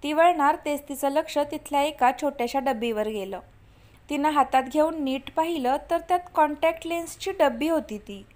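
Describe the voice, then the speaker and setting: A woman reading a story aloud in a steady, measured way. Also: high voice. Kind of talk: scripted narration.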